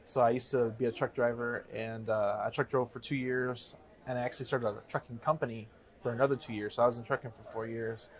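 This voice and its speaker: This thirtysomething real estate investor from the Chicago area talks fast, with a medium pitch and fairly even intonation. He's a guest in a casual interview, rambling through his story and correcting himself along the way.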